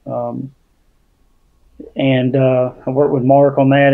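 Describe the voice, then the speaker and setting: A man, a guest drag racer and tuner, talking slightly out of breath with many halting fillers over a video call. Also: medium pitch. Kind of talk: casual panel talk. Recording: tinny phone-like line.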